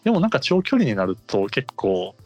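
A man's voice: on the low side, wildly swooping pitch, a little fast, darkish tone, faint music behind. A man with a Kansai accent talking casually and explaining things in a conversational way. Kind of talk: casual chat.

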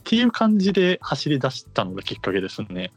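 Lively Kansai-accented man chatting. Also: medium pitch, fast, soft background music. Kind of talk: casual chat.

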